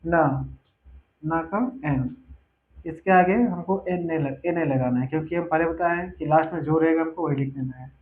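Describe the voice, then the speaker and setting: High-voiced male teacher, tinny audio. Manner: patient, repeats words slowly for students. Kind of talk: spelling lesson over a board.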